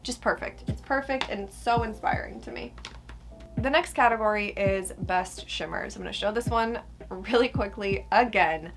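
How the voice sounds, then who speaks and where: Soft music plays as a young adult beauty vlogger talks casually to the camera, ranking products in a small furnished room. She speaks at a normal pace in a medium pitch, emphatic and a bit sweary, her s sounds whistling.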